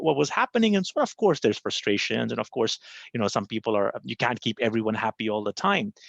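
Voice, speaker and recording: A man's voice: medium pitch, creaky, no echo, highs cut off. A man from Pakistan moderating a live panel discussion, talking in a conversational way with lots of "right?" and "you know".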